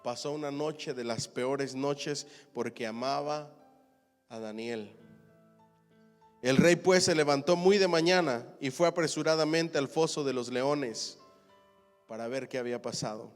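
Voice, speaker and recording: A man preaching a sermon as a pastor teaching a Bible class, reading scripture, swelling to loud emphatic declarations and calling the congregation to repeat phrases after him. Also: unhurried, soft background music. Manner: builds to loud emphatic declarations, then drops low. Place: church. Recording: long church hall reverb.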